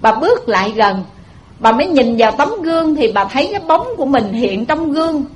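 A woman's voice: high voice, animated, brisk, a little hiss or hum, low-quality recording. A woman with a Southern Vietnamese accent giving a Buddhist dharma talk, telling a folksy story and addressing listeners directly. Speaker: Buddhist preacher.

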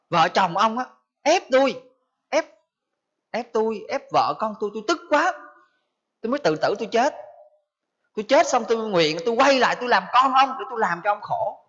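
A man's voice: high-pitched, fairly bright tone. A man voicing a resentful dead son who accuses his father with bitter questions, on a dull lo-fi recording. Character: resentful son come back for revenge.

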